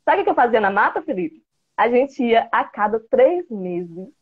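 A biology teacher in her thirties from interior Bahia, with a Bahian Brazilian Portuguese accent, is a guest in a casual video-call interview from a small indoor room. Her slightly high, husky voice is sing-song at a normal speed, and she is chatty, playful and gestures a lot. She uses an earphone headset mic, so the sound is a bit dull.

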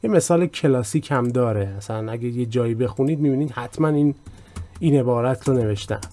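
A man teaching a language lesson, with a mellow, warm voice. He explains patiently and reads each English example out slowly and clearly. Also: mid-range voice, a little hiss or hum.

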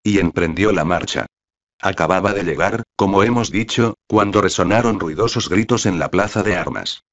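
A man narrating an audiobook in a measured, steady storytelling manner. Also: low voice, highs cut off. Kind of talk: scripted narration.

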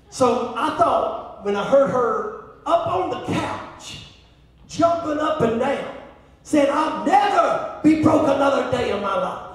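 A man with a Southern American accent preaching a sermon as pastor, swinging from hushed asides to shouting calls to the congregation. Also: high voice. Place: church sanctuary. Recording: echoey church hall from far off.

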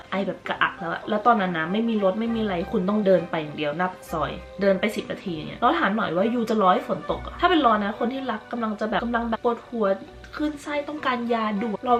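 A young woman vlogger chatting animatedly about her life abroad and reviewing an app, with lots of fillers. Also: mid-range voice. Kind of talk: casual chat and sponsored app review.

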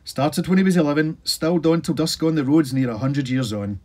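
Older pub regular, loud and opinionated, shouts a lot, voiced by a man. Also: a little high, a little fast, pitched above the performer's own voice, close to an everyday voice. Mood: gruff. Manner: bellowing, blunt.

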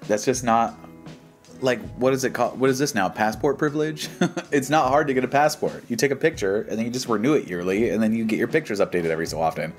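An American YouTube commentary host talks fast at a medium pitch, reading things aloud and reacting in a casual, slangy, mocking, dismissive way over background music.

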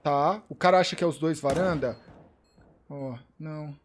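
A man with a Brazilian Portuguese accent reacting live to an esports match, excitable and profane, repeating short cries. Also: on the high side, normal speed, background noise. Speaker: streamer commentating an esports match. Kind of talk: live game reaction commentary.

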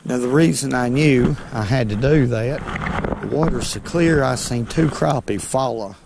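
Middle-aged Southern man, easygoing outdoor fishing vlog host, mid-pitched voice, faint open-air noise behind. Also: vocal fry. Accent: Southern American. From North Alabama. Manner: folksy, unhurried, talks to viewers as "folks". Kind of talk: casual fishing commentary. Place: small boat on a lake outdoors. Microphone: head-mounted action camera.

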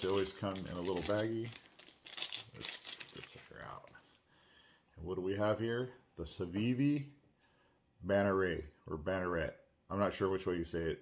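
A man hosting his own channel, unboxing and reviewing a pocket knife in a relaxed, chatty way with lots of "uh"s and restarts. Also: lowish voice, slight background noise. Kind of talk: casual unboxing and product review. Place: at home.

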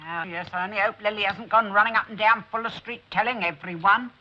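A woman's voice: medium pitch, fairly even intonation, fast, natural voice. An actress playing a down-to-earth, hesitant middle-aged London woman in a television drama, plain-spoken and a little defensive. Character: down-to-earth, hesitant, touchy working-class London lady. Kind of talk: 1960s television drama acting. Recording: dull old TV soundtrack.

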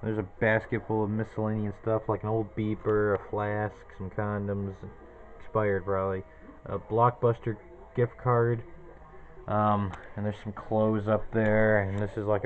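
A man's voice: fairly low pitch, flat delivery, a little slow, narrow, tinny audio. A man in his twenties giving a casual, rambling tour of his small cluttered bedroom, naming objects one after another into a handheld camera. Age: 20s. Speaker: vlogger. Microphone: handheld camera close to the face.

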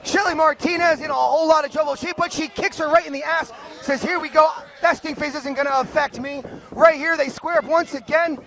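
Guy doing wrestling play-by-play, really high voice, excitable and jokey. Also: fairly quick, creaky, hardly any pauses, some chatter behind. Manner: excitable, joking banter. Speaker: wrestling commentator. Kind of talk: play-by-play commentary.

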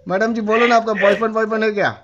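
A man's voice: high-pitched, fairly even intonation, racing, a bit bright, muffled recording. A man gamer pranking a stranger in voice chat, talking in a playful, teasing, flirty way. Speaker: gamer streamer. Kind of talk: prank voice chat in a shooter game. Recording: noisy game-chat audio.

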